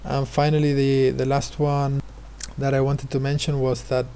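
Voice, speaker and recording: A man's voice: mid-range voice, completely flat delivery, normal speed, warm tone, a little hiss or hum. A male teacher explaining physics exam questions, hesitant, with many fillers and restarts. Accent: non-American, his remark says so.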